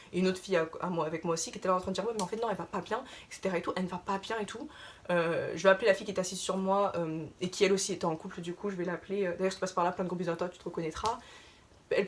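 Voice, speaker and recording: A young adult woman casually telling a story to her viewers, chatty and animated, piling on filler tags as she retells what happened. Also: mid-range voice. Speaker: vlogger.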